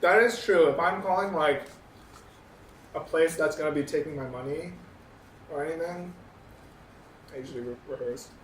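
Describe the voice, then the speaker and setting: A man's voice: a little high, moderate pace, long pauses. Young man chatting between mouthfuls. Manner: eats while talking, hums "mm" between thoughts. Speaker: vlog host answering questions. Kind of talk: casual chat while eating. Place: indoors at a meal. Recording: echoey room, mic at a distance, faint noise.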